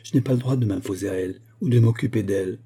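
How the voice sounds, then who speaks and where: A man reading an audiobook, voicing a gentle, concerned young man in a soft, subdued voice. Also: lowish voice, quick pace, husky. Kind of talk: audiobook character voice.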